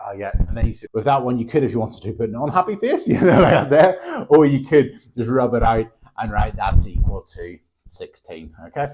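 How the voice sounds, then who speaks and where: In a mid-range voice, a male maths teacher casually walks other teachers through a classroom method, animated and chatty, often adding "okay?" to his lines. Slight background noise and rough recording quality come through.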